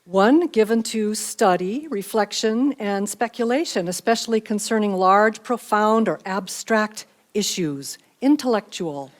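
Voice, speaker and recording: Woman, mid-pitched, spelling bee pronouncer, measured, clearly enunciated definitions. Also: expressive. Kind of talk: reading out words and definitions formally.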